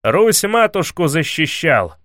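A man voicing a boisterous young hero who declaims high and loud. He blusters with pompous pride, and every line comes out as a bold proclamation. A lively storybook voice, dry and close. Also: slow, dry recording, full character voice. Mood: indignant. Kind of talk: audiobook character voice.

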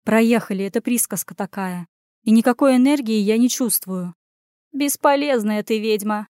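A woman's voice: fairly high pitch, moderate pace, darkish tone, clean tone, no room sound, studio quality, close to an everyday voice. A woman voicing a young runaway witch in an audiobook, pleading and sarcastic by turns. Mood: snappish. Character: young runaway witch girl, frantic and snappish. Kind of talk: audiobook character voice.

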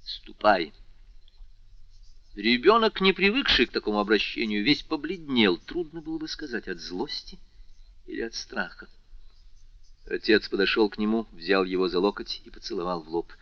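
Male audiobook narrator, low pitch, bright tense tone, dull dry recording. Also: moderate pace, dry recording. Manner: expressive literary reading. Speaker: audiobook reader. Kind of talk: scripted narration.

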